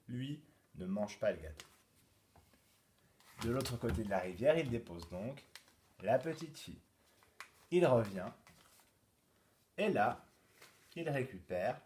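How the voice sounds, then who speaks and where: A male teacher records a lesson from home for young children. He speaks slowly and carefully, spelling each step out plainly. His voice sits at an ordinary middle pitch. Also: a little mellow, slight background noise. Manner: slow, clearly articulated explaining, addressing children and parents. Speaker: kindergarten teacher.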